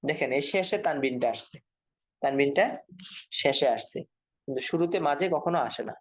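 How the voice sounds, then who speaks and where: A man teaching an online Quran reading class, patiently spelling out letters and their endings. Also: fairly high pitch. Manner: patient, repeats drills slowly. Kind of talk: online Arabic letter lesson.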